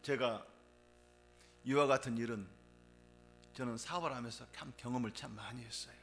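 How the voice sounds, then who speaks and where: A man's voice: mid-range voice, steady tone, moderate pace, fairly bright tone, soft background music. A middle-aged man preaching a sermon, telling a personal testimony and rising to emphatic fervor. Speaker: pastor.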